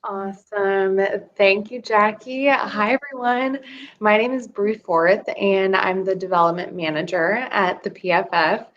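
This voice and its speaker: A bubbly, enthusiastic woman introducing herself at a middle pitch. Her video call audio sounds dull and lo-fi. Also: unhurried, a bit bright. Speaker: development manager.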